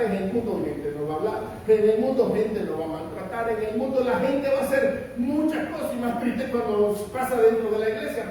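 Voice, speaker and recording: A male pastor preaching a sermon with impassioned, rising and falling emphasis in a church hall. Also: warm tone. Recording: roomy echo, distant mic, faint rumble.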